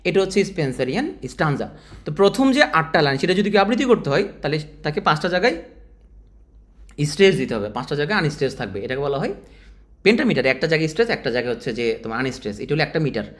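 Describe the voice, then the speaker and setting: A man's voice: a little high, racing. A man with a Bangladeshi Bengali accent giving an informal exam-prep literature lecture, talking straight to his students. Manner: animated, informal teacher, addresses students directly. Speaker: teacher.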